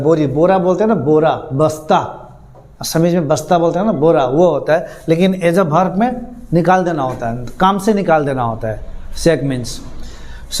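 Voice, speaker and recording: A man's voice: fairly high pitch, darkish tone. A man teaching an English class, repeating words and quizzing his students. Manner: repeats words, asks students questions, chuckles. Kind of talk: classroom lesson.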